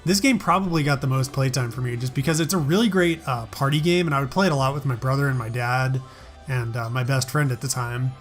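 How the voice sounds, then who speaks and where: Playful dad hosting gameplay, music behind him. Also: male voice, mid-range voice, fast. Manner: playful, explanatory. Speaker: host of a family gaming show. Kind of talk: casual gameplay commentary.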